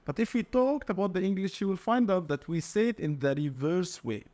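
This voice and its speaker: A man's voice: high voice, a little fast, darkish tone. A man with an Egyptian Arabic accent, teaching in a conversational lesson, explaining words didactically with repetition and translated examples. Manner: didactic, repeating key words and translating them.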